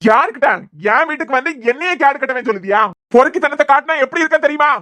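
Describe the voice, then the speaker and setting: A woman's voice: high-pitched, rapid-fire, no room sound. A woman with a Kanyakumari Tamil accent voicing a hot-headed, threatening young male college student in a cartoon series. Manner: threatening, shouting insults. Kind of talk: cartoon web series voice acting.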